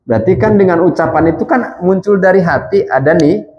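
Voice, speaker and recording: A male ustadz giving a mosque sermon in a conversational way, calling the men Pak and reciting Arabic texts slowly. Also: highs cut off. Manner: wide swings in pitch and volume.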